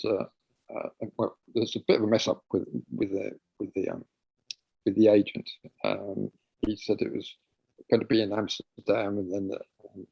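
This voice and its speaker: A man, a guest, telling an anecdote in an animated way, laughing and repeating words as he goes, heard as a slightly dull, lo-fi recording. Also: lowish voice, vocal fry, breathy edge, dry recording. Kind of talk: anecdotal storytelling.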